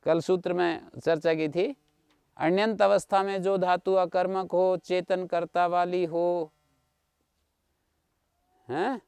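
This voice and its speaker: A man's voice: high voice, level tone, slow, vocal fry, long pauses, darkish tone, smooth, no echo. A man teaching Sanskrit grammar in an online class, explaining rules patiently, repeating key points and checking that his listeners follow. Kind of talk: explanatory lecture.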